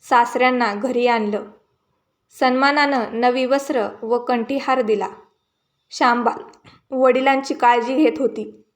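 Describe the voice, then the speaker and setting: A woman narrating a devotional folk tale in a steady, measured reading voice. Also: fairly high pitch. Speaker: storyteller.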